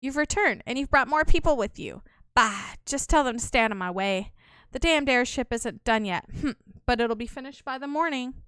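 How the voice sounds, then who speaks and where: Woman voicing a gruff old game tinkerer, scolding, clear dry read. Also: sits high, animated, normal speed, a bit bright, no room sound. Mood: grumbling. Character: grumpy old male airship builder.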